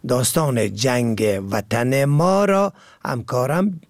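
A man's voice: medium pitch, very animated, no echo. A man, hosting a radio program and introducing a story. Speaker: radio host. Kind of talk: radio announcing.

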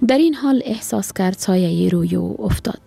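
A woman with an Afghan Dari accent reads a story for the radio in a breathy, gravelly voice. Her tone is dark and mellow, with faint music behind her. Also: mid-range voice, animated. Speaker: story reader.

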